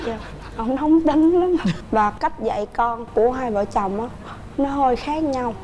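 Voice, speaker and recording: Southern Vietnamese woman, talk show guest, mellow earnest storytelling, a bit high, faint background noise. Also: unhurried. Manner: earnest, telling a family story at length. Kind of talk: casual chat.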